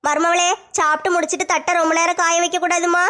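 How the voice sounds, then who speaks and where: Woman as a very high-voiced, fast-scolding mother-in-law, comedy sketch. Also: flat delivery, sharp tone. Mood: sly. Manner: scolding, sly, fast-talking. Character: scheming sharp-tongued middle-aged mother-in-law. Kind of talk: comic family sketch acting.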